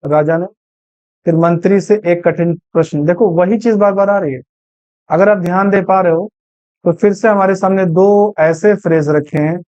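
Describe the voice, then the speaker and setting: A man's voice: on the high side, a little mellow, no room sound, muffled recording. A man teaching English sentence translation, patiently asking and answering his own questions step by step. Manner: patient, repeats questions to students. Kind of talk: Hindi-language grammar lesson.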